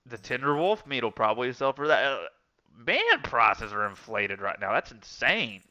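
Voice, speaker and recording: Bright, rambling man on a dull lo-fi mic. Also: mid-range voice, very animated, normal speed. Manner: rambling storytelling, many restarts and fillers. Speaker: streamer. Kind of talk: casual gaming stream chat.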